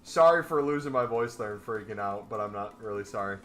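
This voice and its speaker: In a small room, a young man in a gaming chair livestreams casual trading commentary, laid-back as he speaks to his chat over soft background music. His voice is lowish and a little bright, with lively intonation and a fairly quick delivery.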